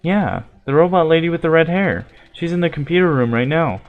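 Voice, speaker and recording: A naive young child hero from a video game, voiced by a man, raised in pitch. The character is kind, curious and earnest, with casual, inquisitive phrasing. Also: animated, brisk, narrow, tinny audio. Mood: earnest, explaining.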